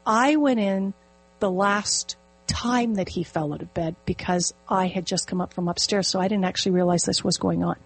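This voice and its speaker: Woman, middle-aged, husky, breathy tone, animated storytelling, casual chat. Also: medium pitch, normal speed, no room sound, low-quality recording. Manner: animated, storytelling with quoted inner speech.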